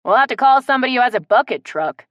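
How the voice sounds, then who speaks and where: A woman's voice: a little high, quick pace, dry recording, lo-fi sound, pitched above the performer's own voice, close to an everyday voice. A woman voicing a dry, sarcastic man. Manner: sarcastic, deadpan.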